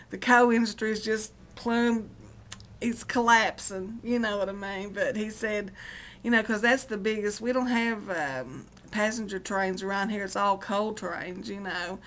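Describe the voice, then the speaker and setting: Speaking a little high and a bit brightly, a middle-aged woman with a West Virginia Appalachian accent chats to her viewers. This vlogger from Appalachian West Virginia in the US wanders through folksy, colloquial talk in a relaxed, rambling way.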